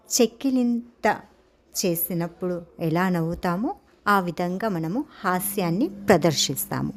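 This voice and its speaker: A woman giving a dance theory lesson, explaining each term slowly and chanting a verse in a measured way. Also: mid-range voice, a little hiss or hum. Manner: slow, deliberate, stretching and chanting key terms. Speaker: dance teacher.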